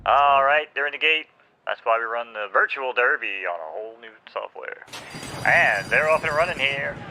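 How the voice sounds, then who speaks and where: A man calling a virtual horse race live in a rapid, excited race-call delivery. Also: medium pitch. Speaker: race caller. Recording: dull lo-fi sound with clear background noise.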